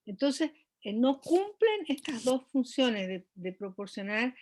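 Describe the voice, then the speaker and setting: A woman's voice: a little high, big pitch swings, darkish tone. A woman economist speaking as an interview guest, explaining at length with frequent hesitations and restarts. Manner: measured, many hesitations and restarts.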